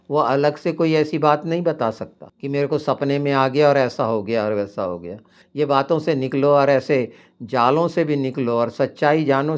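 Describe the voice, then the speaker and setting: A middle-aged man preaching a sermon, fervent and emphatic, often rising to forceful declarations. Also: medium pitch.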